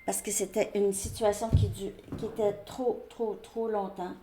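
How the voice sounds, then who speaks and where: Slow-talking tarot reader woman. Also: mid-range voice, flat delivery, very noisy. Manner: chatty, repeats words, thinks aloud while drawing cards. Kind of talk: tarot card reading to camera.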